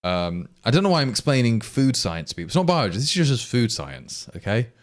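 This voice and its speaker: Fairly quick and mid-range, with big pitch swings, this livestream programmer from England speaks with an East Midlands accent. His casual talk to viewers is rambling and exasperated, with many restarts.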